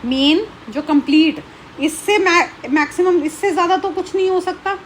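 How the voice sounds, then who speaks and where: A woman's voice: very high voice, moderate pace, slight background noise, low-quality recording. A woman teaching a school math lesson, explaining patiently, checking in often and counting items aloud one by one.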